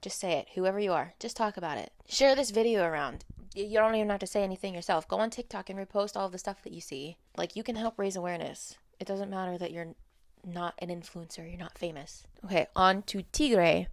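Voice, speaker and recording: A woman's voice: mid-range voice, quick pace, dry recording, studio quality. A woman with a standard American accent, reading notes aloud in an informal advocacy vlog with blunt, emphatic delivery and candid asides. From United States. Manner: blunt, emphatic, casually profane. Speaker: social media content creator.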